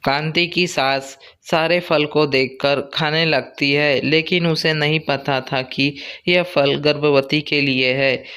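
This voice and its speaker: Guy narrating a cartoon story, slow and measured, smooth voice, bit high. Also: fairly even intonation, pushed and bright.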